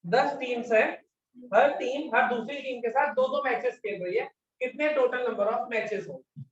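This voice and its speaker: A man's voice: very high voice, a little slow. A male math teacher giving a classroom lecture, repeating his questions and constantly prompting his students for answers. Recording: echoey room, distant mic, dull lo-fi sound.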